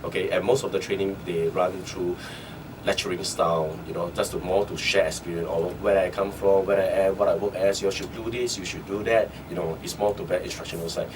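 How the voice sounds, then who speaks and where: A man from Singapore who founded a training centre, speaking as a guest in a radio interview and getting animated as he acts out conversations. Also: low-pitched, a little fast. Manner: animated, acts out dialogue in quotes. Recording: distant mic with faint background noise.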